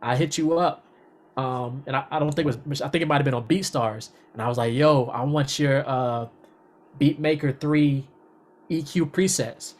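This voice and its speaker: A man co-hosts a producers' podcast in an ordinary middle-pitched voice. He talks loosely and fills his lines with "yo" and "um." His stories come out relaxed and rambling. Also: moderate pace. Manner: laid-back, lots of "yo" and "um". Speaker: podcast co-host. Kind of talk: casual podcast chat.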